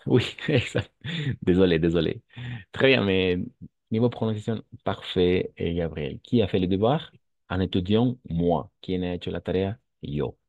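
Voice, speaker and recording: A male French teacher with a low, mellow voice, talking unhurriedly. He repeats each point and keeps checking that his students follow. The sound is dry and a little dull. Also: no echo. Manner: patient, repeats and checks understanding. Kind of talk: online French lesson for Spanish speakers.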